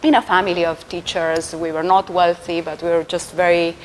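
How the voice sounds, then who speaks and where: A woman from Romania, a UN official speaking as a guest in a radio interview, measured and formal with frequent ums. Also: lowish voice, level tone, slight background noise, poor audio.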